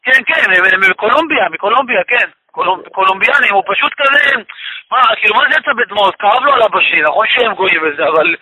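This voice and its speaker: A man's voice: high voice, expressive, bright, forceful tone, slightly rough, no echo, rough recording. A man giving an emotional personal testimony, repeating phrases for emphasis and weaving religious expressions into his speech. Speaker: guest telling a personal story.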